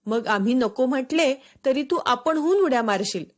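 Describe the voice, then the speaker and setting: A woman's voice: high voice, expressive, moderate pace. A woman reading as an eager village boy. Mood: urging. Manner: eager urging. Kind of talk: storybook reading.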